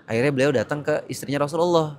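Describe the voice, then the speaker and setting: A man's voice: fairly high pitch, quick pace, a little mellow. A man telling a religious story in a casual, chatty way, hesitating with frequent fillers, recorded out in a busy public place. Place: public place getting crowded.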